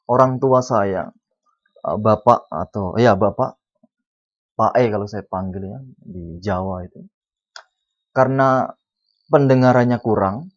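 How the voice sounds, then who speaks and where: A man preaching a sermon, who drops to quiet asides and then rises to loud, emphatic lines. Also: medium pitch. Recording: dull lo-fi sound.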